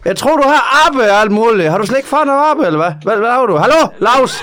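A man playing a gruff, foul-mouthed middle-aged father on early pension, in a comedy sketch. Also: very high-pitched, lively intonation, a bit bright. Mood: gruff scolding. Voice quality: coarse, swears constantly.

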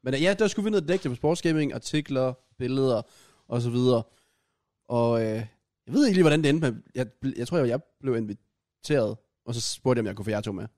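In relaxed podcast chatter, this male co-host recounts a travel story he shares with the others, hesitating and leaning on fillers. He has a mid-pitched voice with a somewhat dark tone.

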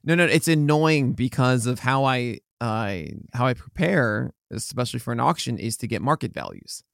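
A man co-hosting a podcast in casual chat, slightly hoarse, rambling and correcting himself as he goes. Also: mid-range voice, lively intonation, normal speed, dry recording, clean studio sound. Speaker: podcast co-host.

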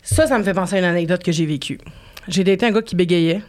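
A woman's voice: on the low side, fast, a little mellow. A young woman with a Québécois accent hosting a podcast in casual, rambling chat, laughing often. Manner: chatty, laughs often, loose rambling phrasing. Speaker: podcast host.

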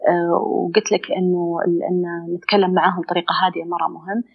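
A psychologist guest with a Saudi Arabic accent explains ideas conversationally and expressively, acting out inner dialogue. Her lowish voice is creaky and slightly rough at a quick pace, and the audio sounds narrow and tinny.

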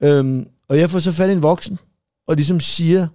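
A man with a gravelly, dark voice spins a rambling story in casual podcast chat. He swears freely and fills every gap with hesitations, and his voice sounds dry and close to the mic. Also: fairly high pitch, no room sound. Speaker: podcast co-host.

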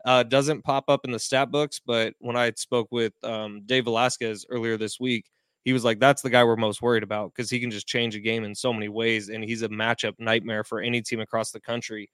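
Male co-host on a call, clear smooth voice, dry sound, candid and relaxed sports talk. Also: mid-range voice, fairly quick, no room sound. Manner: blunt, candid and laid-back. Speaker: podcast co-host, sports commentator. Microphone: remote video call.

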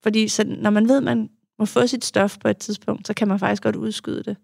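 A woman's voice: mid-range voice, level tone, gravelly, a little mellow, no echo, studio quality. A young woman, a podcast guest and youth therapist, telling her story candidly and reflectively, with many fillers. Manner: frank, reflective, with frequent fillers. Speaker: guest, adult child of an alcoholic.

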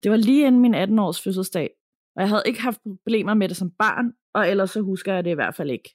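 A woman reads a listener's letter aloud for a podcast in a calm, even storytelling voice. Her pitch sits in the middle for a woman. The recording is close and dry. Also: no echo.

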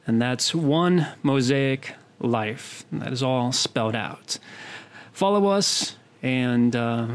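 A young man co-hosting a podcast, talking in a rambling way with many fillers and restarts. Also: mid-range voice. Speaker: podcast co-host. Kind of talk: casual podcast chat.

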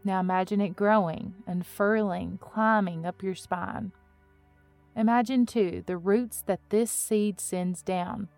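A woman reading a guided meditation as a podcast host, with a gentle, soothing, unhurried delivery and pauses between phrases. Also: medium pitch, fairly even intonation, no room sound, soft background music.

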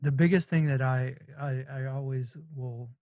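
Flat-toned man hosting a sports chat. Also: medium pitch, normal speed, dry recording. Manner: asks long, rambling questions. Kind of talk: casual sports talk.

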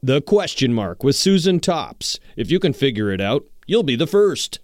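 A man's voice: mid-range voice, big pitch swings, moderate pace, no echo, clean studio sound, close to an everyday voice. A man playing a dramatic, hyped announcer in a parody radio promo. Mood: mock serious. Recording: faint music behind.

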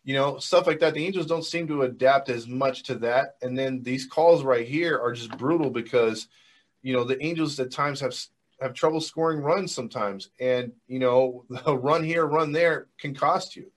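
A man's voice: mid-range voice, moderate pace. A man co-hosting a casual sports podcast, easygoing, with many fillers and restarts. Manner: laid-back, many fillers, agreeable. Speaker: podcast co-host.

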